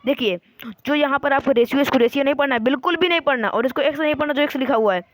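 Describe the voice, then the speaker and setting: A man teaching an online maths lesson in Hindi, explaining step by step and repeating himself, slowly spelling out terms in Indian-accented English. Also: very high-pitched, slight background noise. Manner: repetitive, step-by-step explaining, slow dictation of terms.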